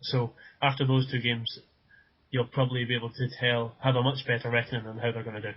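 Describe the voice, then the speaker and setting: A man's voice: medium pitch, level tone, fast, a little hiss or hum. A man co-hosting a casual football podcast, often repeating words as he starts sentences. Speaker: podcast co-host. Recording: dull lo-fi podcast audio.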